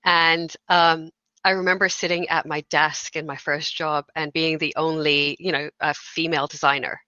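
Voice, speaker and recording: A woman in her thirties, a game designer, telling her stories in an emotional, animated way with laughs. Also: low voice, normal speed, clean tone, dry recording, dull audio. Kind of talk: conversational interview.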